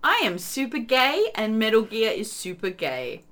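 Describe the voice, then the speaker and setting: A woman's voice: a little high, wildly swooping pitch, measured pace, a bit bright. A woman co-hosting a podcast in casual chat, enthusiastic and giggly, laughing often. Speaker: podcast co-host.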